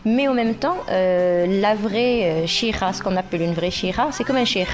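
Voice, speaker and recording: Speaking in a mid-range voice, this Moroccan singer and rapper gives an earnest documentary interview, frequently stopping with filler words.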